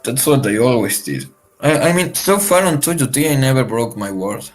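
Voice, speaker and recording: A man's voice: medium pitch, lively intonation, moderate pace, soft background music. A young man from Argentina whose first language is Spanish, guesting on a podcast in casual chat, joking crudely and laughing often.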